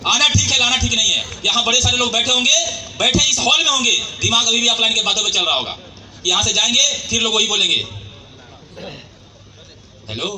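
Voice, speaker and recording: A man's voice: extremely high pitch, fairly quick. A man giving a storytelling motivational speech to a live audience in a hall, acting out quoted dialogue and calling out to the crowd. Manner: animated, acts out quoted dialogue, calls out to the crowd. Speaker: motivational speaker at a sales meeting.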